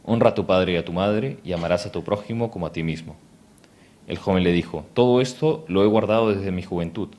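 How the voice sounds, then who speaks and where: Male scripture reader, very low voice, unhurried delivery. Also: darkish tone. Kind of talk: Bible reading.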